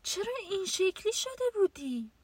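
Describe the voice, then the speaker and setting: A woman voicing small, gentle forest animals in a children's story, raising her voice into a lilting pitch. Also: very animated, dry recording, distant mic.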